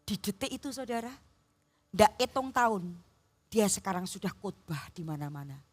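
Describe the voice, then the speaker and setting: Seorang pendeta wanita berlogat Jawa menyampaikan khotbah di gereja sambil bercerita dengan ekspresif kepada jemaat. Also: female voice, medium pitch, normal speed, slight background noise. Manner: expressive, storytelling, addresses the congregation. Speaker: pastor. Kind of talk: sermon. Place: church.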